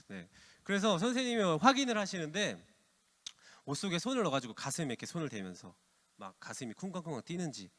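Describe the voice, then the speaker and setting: A middle-aged man preaching to teenagers as youth pastor, lively and calling them by name. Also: fairly high pitch. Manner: lively, addresses teens by name. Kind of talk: youth sermon with quiz. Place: church hall. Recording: long hall reverb.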